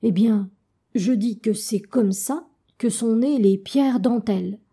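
Une femme qui prête sa voix à un vieil esturgeon, poli, doux et savant, dans un conte lu. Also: female voice, a little high, slow pace, breathy edge, full character voice. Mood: excited. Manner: polite, gentle, bookish. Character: old kind learned male sturgeon.

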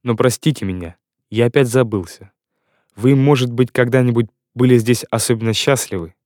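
A man narrating a classic novel in the first person, with ardent and expressive delivery. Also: medium pitch, normal speed, no room sound, studio quality. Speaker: audiobook narrator.

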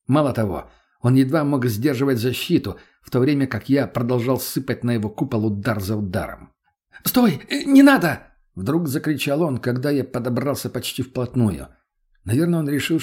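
Husky-voiced male narrator, mid pitch, gritty matter-of-fact first-person audiobook read. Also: darkish tone.

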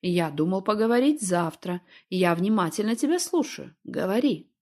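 A woman reading an audiobook, voicing a calm, evasive man who talks in an unhurried, teasing way. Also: medium pitch. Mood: calm, coaxing. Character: calm, evasive middle-aged man, smooth talker.

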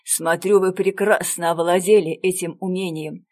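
A woman voicing a proud young gentleman in a storybook reading, indignant and clipped as he scolds. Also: high-pitched, fairly even intonation, normal speed. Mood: scornful. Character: stern proud young gentleman, quick to scorn.

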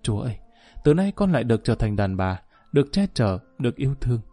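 A man voicing a weary, guilt-ridden middle-aged wife who speaks softly and pleadingly. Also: medium pitch, big pitch swings, fast talker, soft background music. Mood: tender, pleading.

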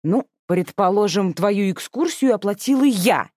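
A woman's voice: mid-range voice, sing-song, normal speed, a little mellow, no room sound, clean studio sound, pitched above the performer's own voice. A woman voicing an exasperated young woman scolding her younger sister in an audiobook. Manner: stern, scolding.

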